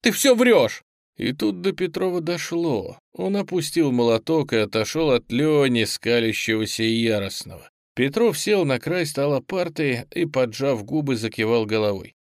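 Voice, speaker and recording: A man reads an audiobook in a calm, measured voice. His pitch sits in the middle range. The recording is dry, with no room sound. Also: dry recording. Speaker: narrator. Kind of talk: audiobook reading.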